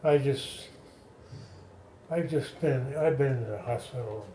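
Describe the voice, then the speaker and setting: An elderly man, frail and short of breath, reminiscing in halting phrases in an interview. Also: mid-range voice, dark tone, recorded from a distance. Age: 80s or older. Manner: halting, with long pauses and plain-spoken phrasing. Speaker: interviewee recalling local history. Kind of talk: oral history interview reminiscence. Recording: roomy echo with light background noise.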